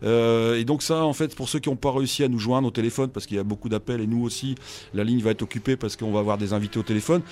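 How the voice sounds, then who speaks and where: A man's voice: medium pitch, fairly even intonation, fast talker, a little mellow, slight background noise. A man hosting a casual radio chat, hesitant and full of fillers, in a studio. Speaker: radio host.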